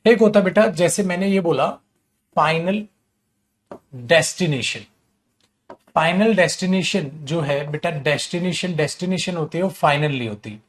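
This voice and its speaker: Guy teaching english usage online in hindi, slightly high voice, patient, keeps calling students beta and mocking wrong phrases. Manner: explains patiently, calls students beta, quotes wrong phrases with mock emphasis.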